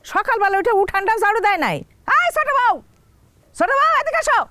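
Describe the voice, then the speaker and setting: A woman's voice: very high-pitched, lively intonation, fairly quick. A woman playing a nagging village mother-in-law. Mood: scolding. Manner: sharp, nagging, bossy. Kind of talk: comedy drama acting.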